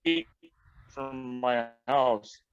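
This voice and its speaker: A man's voice: mid-range voice, very slow, smooth, lo-fi sound. A retired man in his sixties chatting easily over a video conference call from a tablet in his workshop. The audio sounds distant and breaks up at times. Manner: easygoing, shows his shop while he talks. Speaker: woodturning club member. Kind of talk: casual chat on a video call. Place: his woodworking shop, away from the house.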